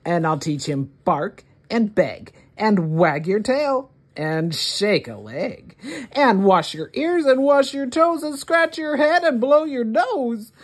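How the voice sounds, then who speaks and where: At story time, a woman whose voice sits on the high side reads a children's picture book aloud for young children, with expressive, deliberate delivery.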